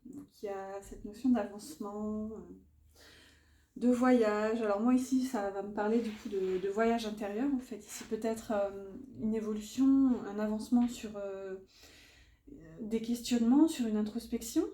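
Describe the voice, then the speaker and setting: A woman's voice: mid-range voice, steady tone, moderate pace, dark tone. A woman doing a casual oracle card reading, chatty, muttering to herself with many fillers as she lays out the cards. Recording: echoey room with faint noise.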